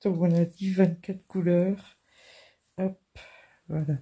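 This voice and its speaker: A woman hosts a crafting channel and shows her craft supplies in a slow, unhurried way. Her voice is very husky, with a gravelly edge. She talks in a chatty, halting style full of fillers and is quick to poke fun at herself. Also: fairly low pitch, level tone, mellow. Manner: giggly, self-mocking. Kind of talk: casual show-and-tell of craft supplies.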